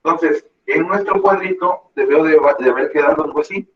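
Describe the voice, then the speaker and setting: A man teaches a math lesson, patient and guiding, his voice a bit higher than most. The classroom rings with echo, and the recording sounds dull and lo-fi. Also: normal speed, heavy background noise. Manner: patient, guiding students step by step.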